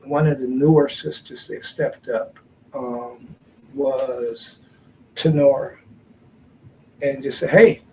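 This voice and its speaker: A man co-hosting a podcast in a laid-back, joking way, speaking slowly. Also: mid-range voice, steady tone, dark tone, slight background noise, rough recording. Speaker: podcast co-host. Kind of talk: casual podcast chat.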